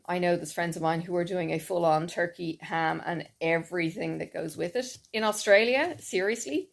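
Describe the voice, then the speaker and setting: A woman's voice: on the low side, vocal fry. A woman chatting in a casual, rambling way and laughing often as she talks. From Ireland. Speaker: cross-stitch vlogger. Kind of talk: casual chat.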